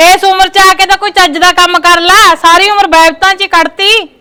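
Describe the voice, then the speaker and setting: An actress playing a sharp-tongued, nagging village mother with a Punjabi accent. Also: very high voice, flat delivery, moderate pace. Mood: scolding. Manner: scolding, nagging. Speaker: mother and sister-in-law.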